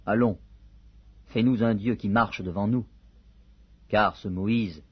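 Man reading restless ancient crowd, low husky voice. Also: fairly even intonation, slow pace, no room sound. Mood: impatient. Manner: solemn reading. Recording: dull lo-fi recording.

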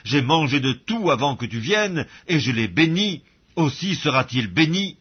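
A man reading the part of a solemn, aged, dying father giving blessings, in a husky voice on a dull recording. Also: on the high side, sing-song, normal speed.

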